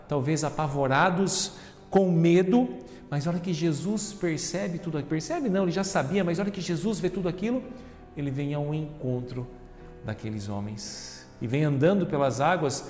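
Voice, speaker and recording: A Brazilian deacon with a slightly high voice delivers an earnest homily, sometimes dropping to a hushed murmur and sometimes rising to forceful emphasis. His words ring through the long reverb of a large church sanctuary. Soft music plays faintly beneath him. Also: moderate pace. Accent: Brazilian Portuguese. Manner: earnest preaching, addresses listeners as brothers and sisters; swings between hushed reflective tones and loud emphatic reading. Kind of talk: Gospel reading and homily.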